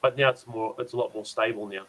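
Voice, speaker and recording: Fast-talking male racing co-host. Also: fairly low pitch, fairly even intonation, a bit bright, rough recording. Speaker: podcast co-host. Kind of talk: casual motorsport chat.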